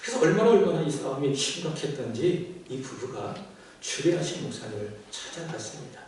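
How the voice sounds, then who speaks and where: Male preacher, storytelling sermon voice, a bit high, distant mic with faint ambience. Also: sing-song, brisk, darkish tone, a little hiss or hum. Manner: storytelling, addresses the congregation directly. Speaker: pastor. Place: church sanctuary. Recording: echoey church from a distance.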